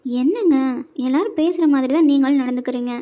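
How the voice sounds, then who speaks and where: A woman's voice: high voice, brisk, dark tone, close to an everyday voice. A woman voicing a shy, teasing young wife in a cartoon, playful and coy.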